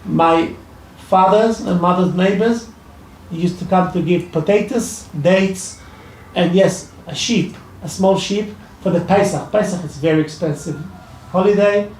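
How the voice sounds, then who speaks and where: Speaking at a public discussion held in a library event room, this man from Iraq shares a personal testimony in a high, gravelly, darkish voice with an Iraqi Arabic accent. His delivery halts often, full of fillers and restarts. Captured from a distant mic, the audio echoes around the hall and carries a little background noise.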